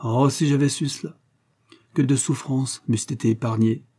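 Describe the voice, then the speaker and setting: A man voicing a grave, lovesick colonel in an audiobook, passionate and earnest. His voice is dark and husky, low in brightness, with a mellow warmth. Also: normal speed. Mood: anguished.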